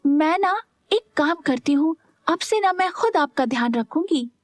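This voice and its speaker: Lady doing a higher-pitched earnest young woman, caring and pleading, dry close sound. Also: lively intonation, measured pace, no echo.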